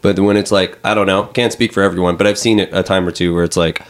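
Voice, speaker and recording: A man's voice: sits low, fairly even intonation, fast. A man hosting a podcast, talking loosely and openly with plenty of fillers. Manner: opens in a mock radio-announcer voice, then talks loosely with many fillers. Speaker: podcast host. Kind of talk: casual podcast chat.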